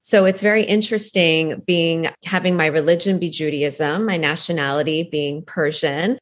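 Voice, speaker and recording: Low-voiced woman, earnest and enthusiastic. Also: normal speed. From Iran, raised in Canada. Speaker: guest, founder of girls' empowerment program. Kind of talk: podcast interview.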